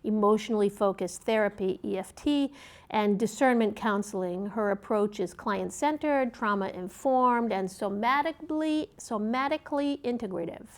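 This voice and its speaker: A woman co-hosting and reading community event announcements in a conversational, slightly halting way. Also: medium pitch. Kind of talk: conversational announcements, read from notes.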